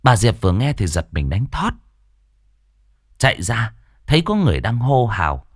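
A man's voice: on the low side, normal speed, dry recording. A man narrating a ghost story dramatically. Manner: dramatic, expressive. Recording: dry studio voice with faint music.

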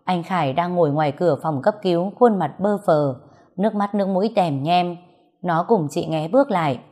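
A woman's voice: fairly low pitch, normal speed, warm tone. A woman reading a story aloud as scripted narration, voicing all the dialogue in her own voice.

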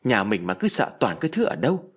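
A carefree young husband who brushes off his wife's fears in a relaxed, breezy tone, as a male storyteller plays him. His voice is slightly husky and moves freely in pitch, told in an audio ghost story. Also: fast. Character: cheerful easygoing young husband.

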